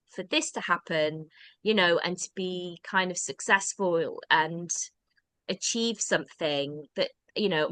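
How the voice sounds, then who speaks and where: A woman's voice: on the low side, bright, forceful tone, no room sound. A British woman, a podcast guest, telling a personal story in a rambling, casual way with many restarts. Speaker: guest, drama workshop founder.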